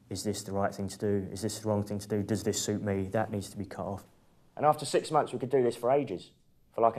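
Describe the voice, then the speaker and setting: A man, a former soldier, describing military indoctrination in a measured, deliberate way. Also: lowish voice, darkish tone. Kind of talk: interview testimony.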